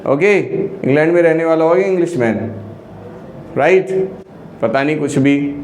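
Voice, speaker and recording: A man's voice: on the high side, lively intonation, a little slow, darkish tone. A man teaching an online grammar lesson, quizzing his students with repeated questions. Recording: echoey room with faint noise.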